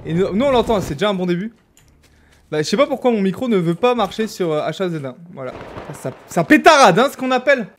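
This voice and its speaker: A young man from France giving casual, animated commentary as he streams a game. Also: high-pitched, fast talker. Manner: chatty, animated, jokey, exclaims loudly. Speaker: gaming streamer. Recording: faint background noise.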